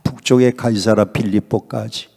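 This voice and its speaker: This older preacher from Honam has a low-leaning, dark voice with vocal fry, fairly even intonation, and a moderate pace. As guest pastor at a revival, he hurls emphatic questions at the congregation, and the church hall adds long reverb.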